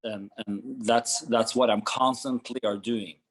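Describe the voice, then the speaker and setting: A man's voice: on the low side, steady tone, measured pace, rough recording. A man in his thirties from Norway, a gym founder answering interview questions earnestly with frequent restarts. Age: 30s.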